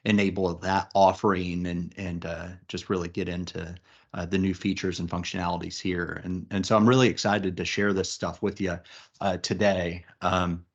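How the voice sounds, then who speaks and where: A man's voice: sits low, muffled recording. Upbeat man presenting a webinar. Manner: chatty, upbeat, many fillers and restarts. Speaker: webinar presenter, recruiting practice lead. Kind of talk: casual business webinar presentation.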